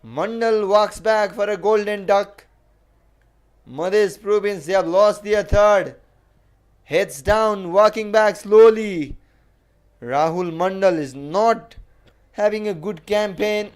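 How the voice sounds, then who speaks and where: High-voiced male cricket commentator. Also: takes it slowly, clear, resonant tone. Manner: repeats phrases for emphasis.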